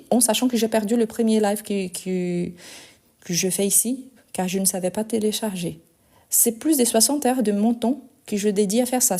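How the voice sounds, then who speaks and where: A woman with a Lyon French accent teaching a live French lesson, speaking slowly and deliberately, with exasperated asides. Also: medium pitch, dark tone. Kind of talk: live-streamed language lesson.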